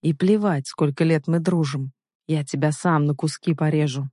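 A man plays a stern, protective older brother, his voice low and quiet but hard. The sound is close and dry. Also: steady tone, moderate pace, no room sound, natural voice.

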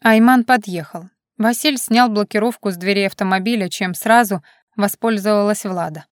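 A woman narrates a novel in an expressive, dramatic style, her voice sitting mid-range. The recording is dry and close, with no room echo around her. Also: medium pitch, moderate pace. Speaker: audiobook narrator. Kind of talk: scripted narration.

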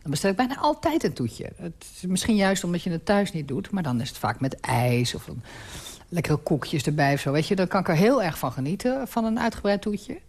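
Frank, opinionated woman, lowish voice. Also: sing-song, fairly quick, hardly any pauses, darkish tone. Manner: frank and opinionated, with emphatic dislikes. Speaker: guest. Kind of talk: relaxed radio interview about food.

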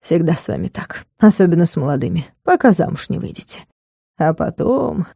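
A woman voicing a stern, weary male academy rector in an audiobook, speaking slowly and coldly. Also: lowish voice, very animated, gravelly, mellow, husky, no echo, studio quality, heavily acted. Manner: slow, measured, icy. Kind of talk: audiobook character voice.

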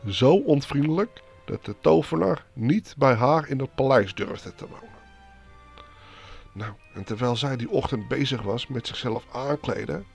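A man's voice: medium pitch, creaky, husky. A man hosting a podcast, retelling a fairy tale casually with wry, joking asides. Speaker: podcast host, storyteller.

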